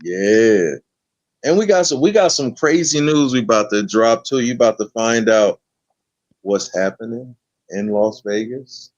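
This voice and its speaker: A man hosts a late-night chat in loose, slangy talk and drags out his words when he hypes the show. His voice sits at a middling pitch. The sound is dry and a little dull. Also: lively intonation, dry recording. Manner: laid-back slangy, drawn-out hype. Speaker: host.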